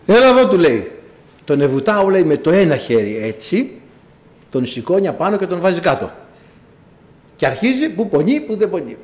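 A man preaching a sermon, telling a story with low asides and sudden high cries. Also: sing-song, long pauses, a little mellow.

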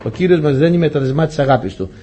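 A man's voice: on the high side, dark tone, slight background noise. A man preaching a testimony sermon, telling his story earnestly and often turning to address the congregation as dear brothers.

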